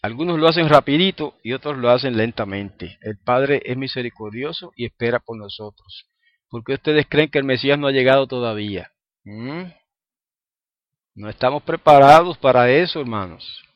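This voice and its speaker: A man's voice: mid-range voice, normal speed, no echo. Conversational male preacher, muffled recording. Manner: conversational, asks the listeners "¿ah?" and "¿verdad?" often; chuckles between points. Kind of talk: informal sermon to a congregation.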